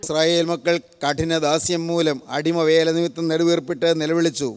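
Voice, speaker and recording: Long hall reverb surrounds this sermon by an older Keralan man, who speaks solemnly and repetitively, stacking parallel phrases. His fairly high voice is clear and resonant, with a level tone and normal speed.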